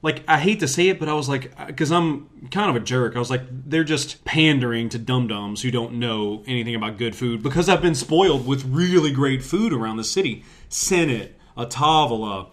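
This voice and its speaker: Middle-aged tennessee guy hosting a chat, jokey and self-deprecating, average pitch. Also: expressive, normal speed, few pauses. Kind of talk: casual chat.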